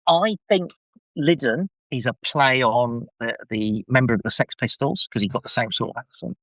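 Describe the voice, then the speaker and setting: Appearing as a podcast guest, a man chats with effusive enthusiasm in a casual review conversation. His mid-range voice is fairly bright and moderately paced, recorded dry through a slightly dull, lo-fi microphone.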